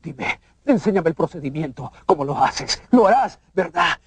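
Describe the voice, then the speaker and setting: An actor playing a domineering, obsessive middle-aged professor in a telenovela, insistently commanding like a hypnotist urging someone on in a trance. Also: male voice, on the high side, expressive, normal speed, a little hiss or hum, natural voice. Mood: coaxing, insistent. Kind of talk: intense telenovela acting.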